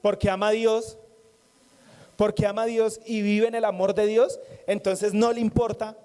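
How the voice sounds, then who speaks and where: A man preaching to a congregation, his voice pitched high yet mellow and soft-edged. He talks like a conversation, repeating key phrases and tossing in light jokes. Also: level tone, normal speed, clear, resonant tone. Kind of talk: sermon.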